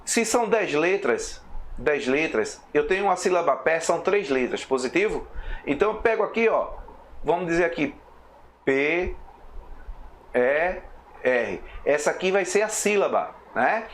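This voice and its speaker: A man with a slightly high voice teaches a recorded math lesson. He explains step by step, counts slowly and keeps checking that his students follow. Faint background noise sits under his voice. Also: expressive.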